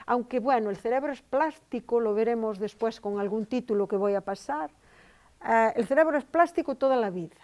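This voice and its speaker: A woman's voice: on the high side, a little fast, darkish tone. A middle-aged woman giving a university lecture, often repeating phrases and checking in with her audience. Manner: repeats phrases, tags sentences with "¿no?" and "¿eh?". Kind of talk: academic conference talk.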